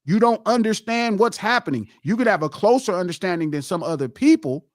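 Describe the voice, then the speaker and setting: This podcast host, a man whose high voice swings widely in pitch, argues heatedly and emphatically in preacher fashion, repeating lines to give them weight. He's animated and a little fast, recorded close and dry with no room sound at all.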